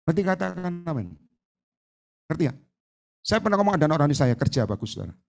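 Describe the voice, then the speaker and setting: A man evangelist preaching a sermon, addressing the congregation emphatically and switching between loud exclamations and hushed storytelling. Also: fairly high pitch, very animated, fast, vocal fry.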